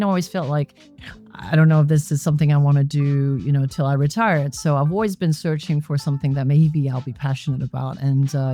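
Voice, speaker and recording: Speaking from a members' club lounge, a Hong Kong woman appears as a guest on an interview podcast. Her voice sits low and warm as she gives thoughtful, reflective, conversational answers about her views.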